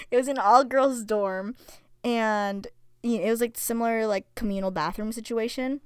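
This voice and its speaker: A woman's voice: on the high side, clean tone, no echo. A young woman hosting a casual solo podcast, chatty with lots of fillers, reading stories aloud. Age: young adult. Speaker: podcast host.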